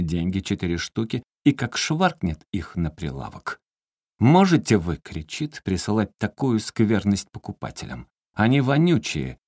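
A man reading a first-person story aloud in an expressive way, with his voice rising sharply in the quoted outbursts. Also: low voice, slightly rough, no echo, clean studio sound. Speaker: audiobook reader.

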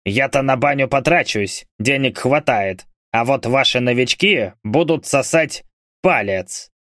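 A man's voice: mid-range voice, measured pace, a bit bright, no room sound, studio quality, close to an everyday voice. A man voicing a grumpy, foul-mouthed male berserker who grumbles and curses. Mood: threatening. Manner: coarse, swearing, grumbling.

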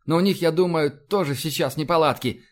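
A man reading an audiobook, voicing a gruff male starship crewman who reports in a gloomy tone. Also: a little high, fairly quick, natural voice.

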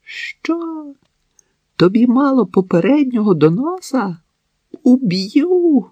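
A high, shrill voice of a cornered, desperate woman clutching a knife, as a male audiobook reader puts her on. She cries out in hysterical bursts, loud and strained. The tone is a little husky, recorded close and dry. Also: expressive, measured pace, no room sound, dull audio. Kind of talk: audiobook narration.

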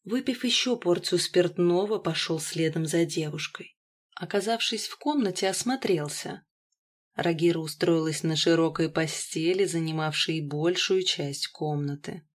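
A woman reading a first-person fantasy novel aloud in an even, measured storytelling manner. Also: fairly low pitch. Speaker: audiobook reader.

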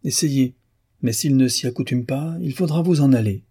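A man's voice: mid-range voice, moderate pace, warm tone, slightly rough, pitched above the performer's own voice. A man voicing an irate older landlady who scolds her tenants in a raised, indignant voice. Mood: scolding.

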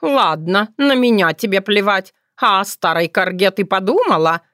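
A woman's voice: medium pitch, animated, moderate pace, a bit bright, no room sound, studio quality, natural voice. A woman voicing a fussy, dramatic male talking cat who wails, scolds and pities himself in an audiobook. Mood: scolding. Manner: wailing, scolding, self-pitying. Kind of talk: audiobook character voice.

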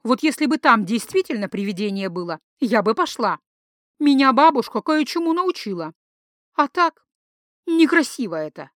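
A woman reading aloud gives a stubborn young woman who refuses to be pushed around. She speaks high and very animated, full of indignation and mockery. The voice is close and dry. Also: moderate pace, no echo. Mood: indignant. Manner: indignant, mocking retorts. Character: young woman, sharp-tongued, stubborn and principled.

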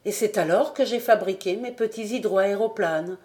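A woman's voice: medium pitch, normal speed, dark tone, lightly acted. Woman putting on a shy earnest kid apprentice, raised voice, eager and a bit flustered, storybook reading. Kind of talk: audiobook character voice.

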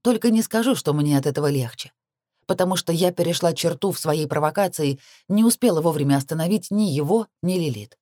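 A woman reads a first-person novel aloud, keeping a steady pace that lifts sharply on tense phrases. Her voice is low and dark. The recording is dry and close. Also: brisk, dry recording. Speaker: audiobook narrator. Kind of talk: first-person audiobook narration.

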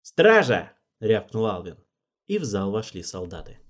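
A man narrating a fantasy audiobook in a steady, measured reading voice. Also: medium pitch.

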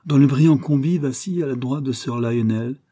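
Dark, husky male audiobook narrator. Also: medium pitch, moderate pace. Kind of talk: scripted narration.

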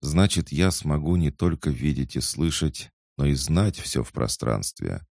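A man's voice: a bass voice, expressive, unhurried, creaky, a little mellow, no room sound, clean studio sound, full character voice. A man voicing an eager, curious young boy in an audiobook.

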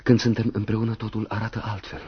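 Young soldier, husky breathy voice, moody and uneasy, old radio drama sound. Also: male voice, on the low side, level tone. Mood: brooding. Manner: brooding, shifts to hushed whispers and loud outbursts. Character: young soldier, anxious and brooding, dreamlike. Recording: dull lo-fi radio recording.

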